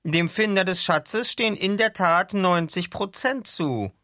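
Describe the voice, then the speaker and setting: A man reading aloud and voicing a calm, precise male ship's doctor who explains things carefully. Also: sits high, unhurried, dry recording, studio quality, pitched above the performer's own voice.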